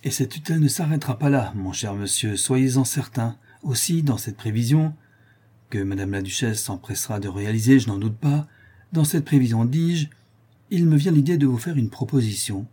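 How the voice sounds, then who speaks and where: A man's voice: mid-range voice, normal speed, dark tone, husky, natural voice. A man voices a sardonic, insolent young viscount with a dry, ironic, mocking tone.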